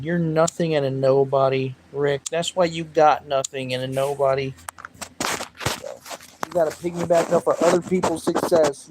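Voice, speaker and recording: A man's voice: a little high, background noise. Rambling man chatting on a livestream. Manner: rambling, jokey, snapping back at chat trolls. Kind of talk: casual livestream chat.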